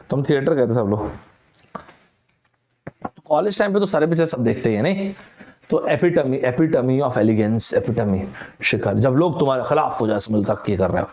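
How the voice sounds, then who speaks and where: Chatty Hindi-speaking male teacher, fairly high voice. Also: warm tone. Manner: chatty, addresses viewers as friends, spells words letter by letter. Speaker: online exam teacher. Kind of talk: live online vocabulary class.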